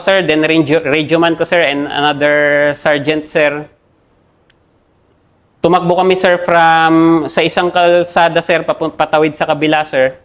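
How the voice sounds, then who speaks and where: A young man from the Philippines, an army officer, tells of his combat experience in an interview. His voice sits a little high for a man. He talks in halting bursts and tucks a respectful "sir" after almost every phrase. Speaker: army captain, interview guest.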